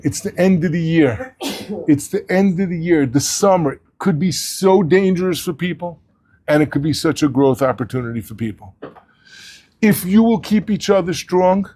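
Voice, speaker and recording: Rabbi guy talking torah to his students, fairly high voice, gets really animated on the big points. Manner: animated, voice climbs sharply when stressing a point; sprinkles Hebrew and Yiddish terms. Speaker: rosh yeshiva addressing his students. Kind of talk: weekly Torah talk.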